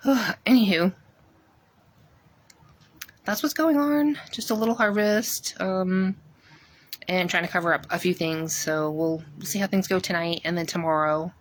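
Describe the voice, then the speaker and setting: Woman vlogger, slightly low voice, slightly breathless, rambles with plenty of ums while she walks her garden. Outdoors, phone mic. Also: steady tone, measured pace, slight background noise. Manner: rambling, many ums, chatty. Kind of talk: casual garden tour chat.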